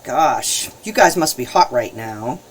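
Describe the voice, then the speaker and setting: A woman hosting a live painting demonstration, chatting in a bubbly way, laughing often and greeting viewers warmly. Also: very deep voice, animated, a little slow, slightly rough. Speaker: alcohol ink painting host. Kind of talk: casual live-stream painting demo.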